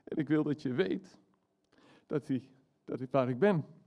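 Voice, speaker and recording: A man voicing a calm, faithful old man on his deathbed, speaking slowly and hushed. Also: medium pitch, pitched above the performer's own voice, lightly acted. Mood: serene.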